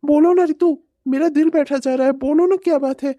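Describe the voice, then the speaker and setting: A woman's voice: on the high side, moderate pace, warm tone, no echo, close to an everyday voice. A woman voicing an eager young fiancé. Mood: worried. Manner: earnest, pleading. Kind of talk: cartoon voice acting.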